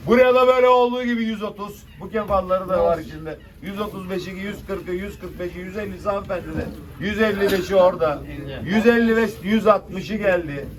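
Casting: male auctioneer, high voice, chanting bids to buyers, picked up from a distance. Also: brisk. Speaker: fish auctioneer. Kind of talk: auctioneer calling out bids to a crowd. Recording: distant noisy mic with clicks, birds.

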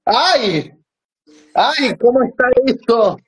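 A man's voice: extremely high pitch, sing-song, slow, breathy edge. A man with an Argentine accent chatting on a video call, campy, teasing and affectionate. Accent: Argentine Spanish. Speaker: comedian guest on a live stream. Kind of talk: casual live-stream chat.

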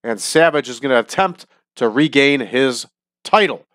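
A congested, nasal-sounding man, suffering from a sinus infection, hosts a wrestling sim series and addresses "everybody" in upbeat, casual commentary. He speaks animatedly at normal speed in a medium, fairly bright voice, with clean, dry studio sound.

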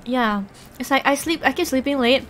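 A giggly, high-voiced young woman streamer. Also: moderate pace, a bit bright, slight background noise. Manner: rambling and giggly, heavy use of "like". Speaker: Twitch streamer. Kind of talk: casual chat with viewers while eating.

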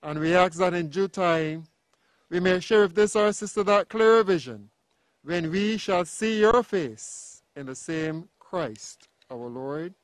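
A man leading a funeral committal, reading liturgical prayers in a slow, solemn, measured cadence. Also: high-pitched, no room sound, rough recording.

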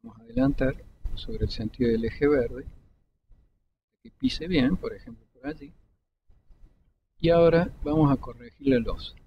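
A man, calmly explaining each step of a 3D modeling tutorial over a screen recording, pausing between clicks. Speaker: 3D modeling instructor. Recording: dull lo-fi desktop mic with faint rumble.

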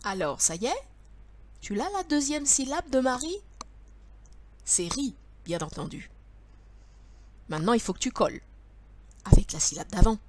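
A woman's voice: on the high side, very animated, normal speed, pauses often, slight background noise. A woman teacher leading young children through word riddles, patient and sing-song, speaking straight to the child.

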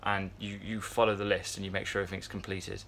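This is a casual vlog: a twenty-something man talks to his phone camera at arm's length inside a yacht crew room, a fan nearby, wandering through his thoughts with lots of fillers and restarts. His voice sits low with little pitch movement, moving at a quick pace with a fairly bright tone. Faint hiss or hum is audible.

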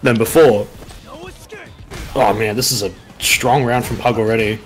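A man doing live esports commentary, joking around and reacting loudly to big hits. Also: lowish voice, fairly even intonation, fairly quick, soft background music. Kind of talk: live fighting-game commentary.

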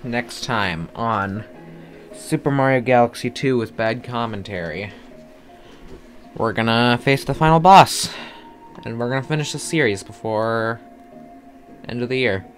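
A man's voice: mid-range voice, measured pace, long pauses. A man giving casual, self-deprecating commentary while playing a video game, groaning and pleading at it. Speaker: gaming commentator. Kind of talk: casual let's-play commentary. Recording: faint game music behind.

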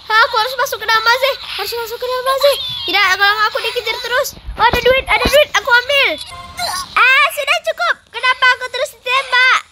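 A performer voicing an excitable young game character in a role-play, crying out in frantic panic. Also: very high voice, fast, music in the background. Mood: panicky.

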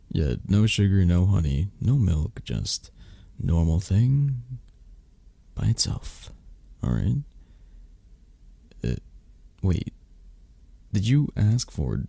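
In an intimate romantic ASMR roleplay, a man plays a flirty mafia boss who is possessive yet tender. His low, husky, gravelly voice sounds tired and drowsy as he slowly, hesitantly murmurs endearments with pauses. The close-mic recording has no echo and a dark tone, and the performance is heavily acted.

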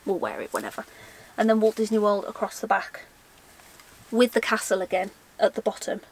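The recording is rough, and so is her voice: medium-pitched, steady, slightly gravelly, and a little quick. A young woman vlogs a haul in an indoor room full of backpack shelves, chatty and self-mocking, often asking herself questions and laughing when she forgets things.

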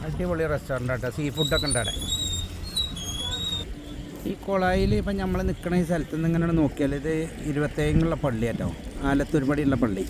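A man with a Malabar Malayalam accent and a slightly high voice talks casually as a travel vlogger, dropping English words into his slang. He sounds enthusiastic and repeats his exclamations. Clear wind and outdoor noise sit behind him. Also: brisk. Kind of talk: casual outdoor vlog commentary. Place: outdoors at a windy hilltop viewpoint at night. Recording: loud windy outdoor noise.

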